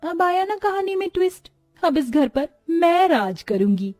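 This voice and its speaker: A woman's voice: very high-pitched, big pitch swings, measured pace, soft background music, heavily acted. A woman playing a bossy spoiled daughter-in-law. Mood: scornful. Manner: sharp, scolding and bossy. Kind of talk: storybook voice acting.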